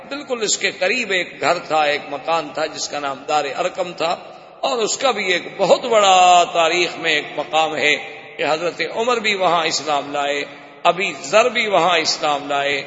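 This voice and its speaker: A man's voice: sits high, pushed and bright. A man preaching a sermon, telling a story dramatically and voicing the characters in it. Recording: echoey hall, dull lo-fi sound.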